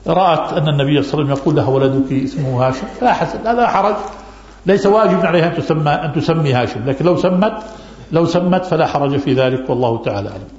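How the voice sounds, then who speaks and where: A man's voice: a little high, expressive, very fast, a little mellow. A man, an Islamic scholar, answering religious questions in a lesson and repeating key phrases for emphasis. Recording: echoey, dull lo-fi recording.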